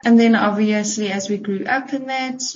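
A woman's voice: a little high, steady tone, normal speed, darkish tone. Middle-aged South African woman guest, reflective, slightly muffled, faint noise behind. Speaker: podcast guest. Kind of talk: casual interview chat.

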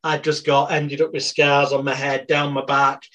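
A man's voice: mid-range voice, monotone, moderate pace, sharp tone. A British man in his forties, a podcast guest telling life stories in a rambling, wry, anecdotal way. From Britain. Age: 40s. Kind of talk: casual storytelling interview.

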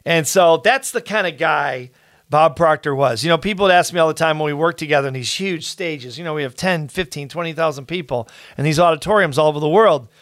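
A middle-aged man hosting a podcast, telling a story in an earnest, animated way with frequent restarts. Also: fairly high pitch, a little fast, dry recording, clean studio sound. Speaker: podcast host. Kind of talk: casual storytelling.

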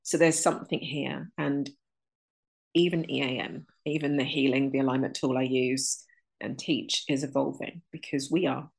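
This is a very deep, husky, creaky female voice with fairly even intonation. She's in her 30s and appears as an interview guest, an energy alignment teacher, speaking earnestly and without hurry in a reflective way while rattling off lists in runs.

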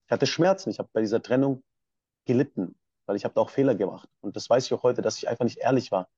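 A man from Swabia tells his own story as a podcast guest, quickly and with passion. His voice is dark and a little husky. The recording is dull and dry, with no room sound. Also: medium pitch, no room sound. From Swabia, Germany. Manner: passionate, emphatic. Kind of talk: personal storytelling.

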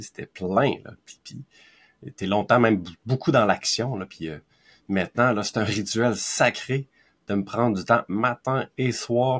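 A man with a Québécois accent, co-hosting a podcast in thoughtful, hesitant casual chat. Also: lowish voice. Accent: Québécois French. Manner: thoughtful, hesitant, with soft laughs. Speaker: podcast co-host.

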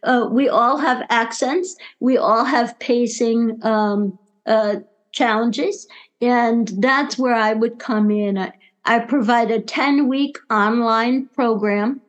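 A woman with a New York accent talks as a guest on a business podcast, her voice pitched a little high. She explains her coaching work earnestly, building her points in careful phrases. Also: takes it slowly, poor audio. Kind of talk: casual interview conversation.

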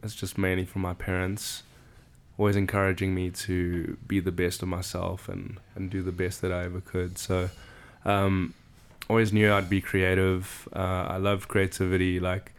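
A man's voice: sits low, completely flat delivery, normal speed, clear, resonant tone. A man from South Africa, a podcast guest chatting casually and laughing easily about his background. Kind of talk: casual chat. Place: cabin.

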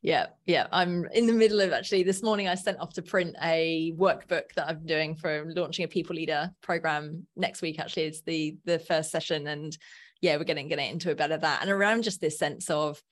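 Low-voiced woman talking informally. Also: steady tone, a little fast. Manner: informal, thinks aloud, rephrases often. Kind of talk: conversational podcast discussion.

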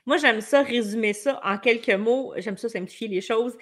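A woman's voice: fairly high pitch, normal speed. A woman with a Quebec French accent hosts a podcast in an informal, conversational way, prompting her guest and putting things simply. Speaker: podcast host, business management coach.

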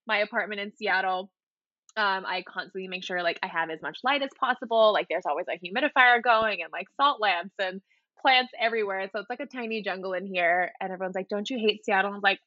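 A wedding photographer in her thirties from Hawaii chats casually as a podcast guest, calling in from her apartment. Her mid-range voice moves fairly quickly, full of "like" and the occasional curse word. The lo-fi sound is dry and slightly dull, with no echo.

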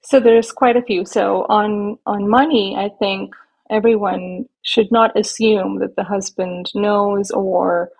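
A woman from India and Nigeria, talking thoughtfully as an interview guest with many small pauses and restarts. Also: mid-range voice, fairly even intonation, vocal fry, a little mellow, low-quality recording. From born in India, raised in Nigeria. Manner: thoughtful, measured, with frequent fillers and restarts. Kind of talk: interview conversation.

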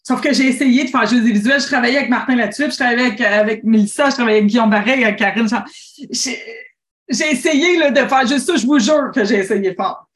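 A Québécoise woman coaches entrepreneurs in a bright, fairly high voice, talking animatedly and restarting her sentences. Her voice rings a little in a roomy space. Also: fast talker. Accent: Québécois French. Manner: animated, rambling, with many restarts. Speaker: business coach and host. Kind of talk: casual call-in coaching talk.

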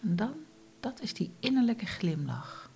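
A woman guiding a relaxation meditation, speaking softly and often in a whisper. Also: medium pitch, very animated, creaky, soft background music. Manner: slow, soft, often whispered instructions. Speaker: meditation guide.

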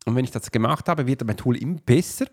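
A man's voice: medium pitch, fast talker. A man hosting a podcast, talking casually at his computer in a rambling way full of filler sounds. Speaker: podcast host and coach. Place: at his computer while uploading a video.

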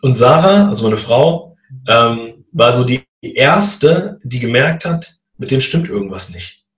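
A man in a casual conversation, telling a personal story in a lively way and acting out what people said. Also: medium pitch, unhurried, echoey room. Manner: animated, acts out quoted dialogue. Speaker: guest telling his story.

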